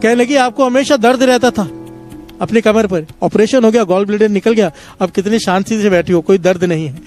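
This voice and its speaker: A man's voice: high-pitched, fairly quick, a little mellow, faint music behind. A man giving a devotional sermon, telling parables and repeatedly leading the congregation in a call-and-response chant. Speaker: satsang preacher.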